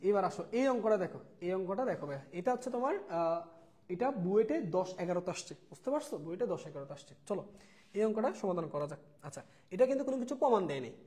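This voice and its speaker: A man's voice: high voice, darkish tone. A young man teaching a live online math class. He repeats key points, mixes in English words and calls his students brother. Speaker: math tutor.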